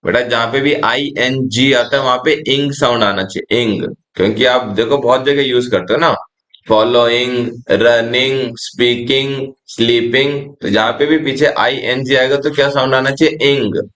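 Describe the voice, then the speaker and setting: A young man with an Indian English accent teaches phonics classroom-style, slowly spelling out letters and sounds and calling his learners "beta". His voice is mid-range and fairly bright, with fairly even intonation.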